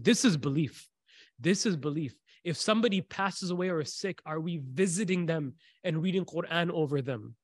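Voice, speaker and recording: This is a dry recording of a man whose voice sits on the high side. Leading a religious lesson, he tells stories, asks his listeners questions, recites short Arabic passages and repeats key phrases to drive them home.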